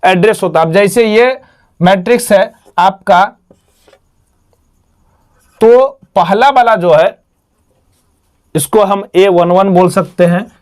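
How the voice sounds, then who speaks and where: A man's voice: high-pitched, slow, pauses often, darkish tone. A man teaching a math lesson, repeating each term and asking and answering his own questions. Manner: repetitive, quizzes himself with questions and answers.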